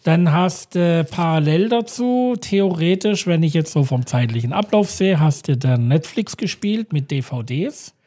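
High-voiced man hosting a podcast. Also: animated, measured pace, hardly any pauses, warm tone. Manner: prompting, retracing a timeline. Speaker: podcast host. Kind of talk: casual interview chat.

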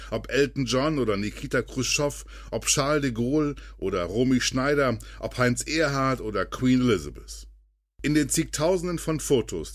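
Husky man narrating with lively pitch. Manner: lively storytelling read with dramatic drops in pitch. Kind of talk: scripted podcast narration.

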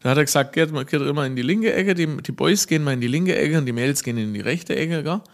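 Talking fast in a slightly high voice, this comedian meanders through a jokey podcast monologue. He mocks himself and cracks up at his own tales.

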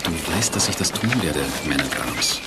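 A man playing a heroic young prince with a secret warrior identity in an eighties radio play, speaking softly and earnestly. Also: very deep voice, lively intonation, very noisy. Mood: resolute. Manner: soft voice, measured and earnest. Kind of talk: 1980s German radio play acting.

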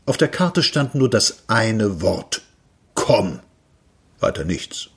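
Slow, husky male story reader. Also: fairly low pitch. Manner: wry, lively storytelling. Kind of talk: scripted literary reading.

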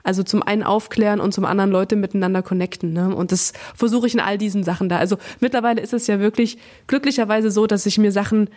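A woman's voice: mid-range voice, fairly even intonation, fast, few pauses, a little mellow. A woman in her thirties, a radio and TV presenter, chatting frankly and casually as a podcast guest, with many fillers and slang words. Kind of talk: casual interview chat.

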